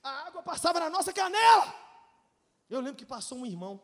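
Brazilian pastor in his 40s, really high voice, emotional testimony, yells then goes quiet. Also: big pitch swings, fairly quick, big-room sound. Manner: emotional storytelling, swings from shouting to hushed, joking. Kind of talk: testimony sermon.

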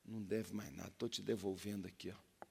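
A man who is a pastor, preaching an impassioned sermon that swells to loud peaks. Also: on the low side, flat delivery, brisk, creaky, a little hiss or hum. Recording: reverberant hall.

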